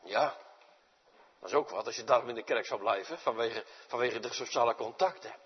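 A man preaching a sermon in speech, swinging dramatically from loud to near-whispered. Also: medium pitch, fairly quick. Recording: dull sound with long reverb in a large hall.

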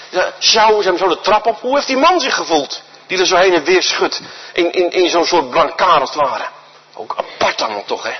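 A man's voice: on the high side, slightly rough. A man preaching in a church, emphatic and repetitive, often asking rhetorical questions. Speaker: guest preacher. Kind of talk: sermon. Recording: dull recording with long church reverb.

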